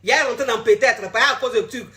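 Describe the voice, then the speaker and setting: A woman's voice: a little high, fast, fairly bright tone. A woman coach, talking bluntly and scolding her viewers in a social media video. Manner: blunt, scolding, repeats herself. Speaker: relationship coach. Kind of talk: direct-to-camera social media talk.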